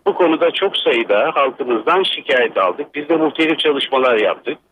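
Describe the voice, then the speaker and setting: A man from Bursa, an electrical engineer, calling a radio show over a landline phone and explaining in a measured, lecturing way with many hesitant fillers. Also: medium pitch, expressive, a bit bright, slight background noise. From Bursa, Turkey. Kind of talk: explanatory call-in commentary. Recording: dull lo-fi phone line.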